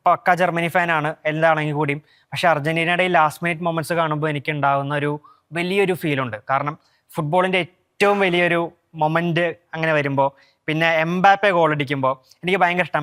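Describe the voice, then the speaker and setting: A man's voice: a little high, a bit bright, clear, resonant tone. A man on a casual football panel, stating his opinions firmly and often repeating himself. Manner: opinionated, argues his view with repeated phrases.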